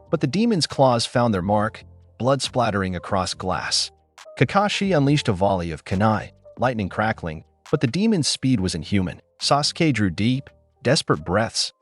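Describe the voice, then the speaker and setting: A man narrating a scripted action story in a dramatic storytelling manner. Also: medium pitch.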